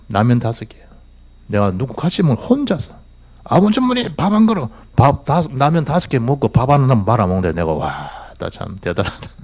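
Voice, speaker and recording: Male pastor in his middle years, preaching in church, hugely animated pitch, quizzing the flock. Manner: animated preaching with rhetorical questions and swings from loud to hushed. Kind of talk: sermon. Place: church sanctuary.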